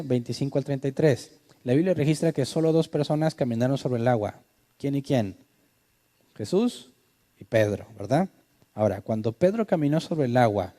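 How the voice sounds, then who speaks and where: A male pastor teaches a sermon in a conversational style, asking his listeners questions. His voice is mid-range and warm.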